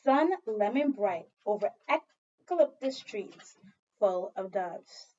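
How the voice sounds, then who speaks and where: This children's read-aloud lesson features a second grade teacher whose warm, medium-pitched voice has lively intonation and a slow pace. She reads expressively, addressing the young children directly with questions and repetition. The audio is dull.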